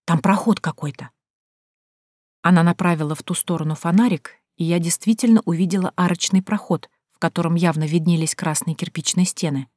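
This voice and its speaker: A woman reading a first-person story aloud in a measured, hushed storytelling manner. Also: fairly low pitch, fairly even intonation, no room sound, clean studio sound. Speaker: narrator. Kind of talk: first-person audiobook narration.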